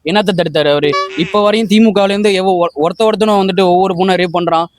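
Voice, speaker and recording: Brief: young man, heated and stumbling, high and fast, dry sound. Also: over music. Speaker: interviewee. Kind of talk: casual opinion interview.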